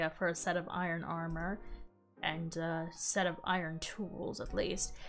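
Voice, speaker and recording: A woman's voice: a little high, a bit bright. A woman streamer doing live in-character game commentary in a rambling, hesitant, professor-like manner. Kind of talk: live in-character Minecraft roleplay commentary, chatting with viewers.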